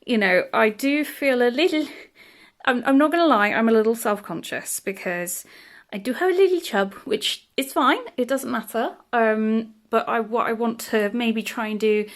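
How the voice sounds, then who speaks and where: A young woman talks to camera in a loose, chatty vlog. Her voice sits a little high, and she sounds bubbly and easily excited, peppering her speech with "um" and "like". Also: normal speed. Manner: bubbly and excitable, many "um" and "like" fillers. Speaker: cosplay vlogger.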